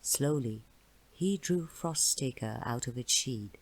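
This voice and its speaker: A woman narrating a fantasy novella aloud in a measured, dramatic reading style. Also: rumbling low, animated, breathy edge, low-quality recording. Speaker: audiobook narrator. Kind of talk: storybook narration.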